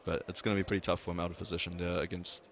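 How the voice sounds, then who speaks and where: A man's voice: deep voice, little pitch movement, racing. A man giving expert poker commentary, hedging his points with lots of fillers and restarts. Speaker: poker analyst.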